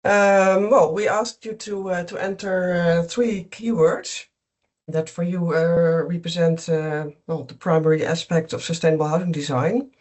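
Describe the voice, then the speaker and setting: A man's voice: on the high side, steady tone, darkish tone. Hesitant man presenting in a webinar. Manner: measured, hesitant with many fillers. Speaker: university researcher. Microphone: video call.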